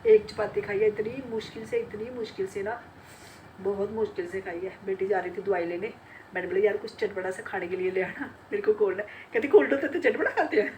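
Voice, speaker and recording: A woman's voice: medium pitch, fairly quick, darkish tone, slight background noise. Chatty woman with a stuffy head cold. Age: middle-aged. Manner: chatty, laughing often, retelling family talk. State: congested and sore-throated from a cold. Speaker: vlogger. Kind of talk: casual chat to camera.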